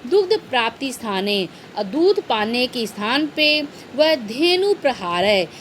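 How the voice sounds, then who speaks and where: A woman teacher reads Sanskrit lines aloud and explains each one to her students in Hindi, going line by line through the text. Her voice is fairly high and very animated, her pace is measured, and there's slight background noise.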